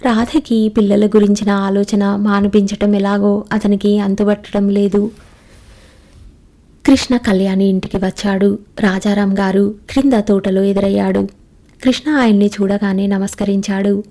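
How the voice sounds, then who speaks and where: A woman reads a novel aloud as a storyteller. Her voice is mellow and dark, and she keeps the pitch flat and steady throughout. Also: moderate pace.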